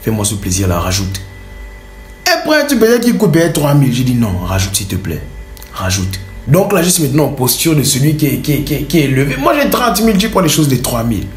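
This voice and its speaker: Animated man telling a comic story. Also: mid-range voice, fast talker, roomy sound, faint music behind. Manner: animated, repeats words for effect. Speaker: comedian.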